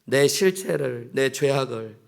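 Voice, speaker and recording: A man's voice: mid-range voice, expressive, a little slow, gravelly. Korean man preaching a sermon. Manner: earnest preaching, acting out prayers and dialogue. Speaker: pastor. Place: church sanctuary.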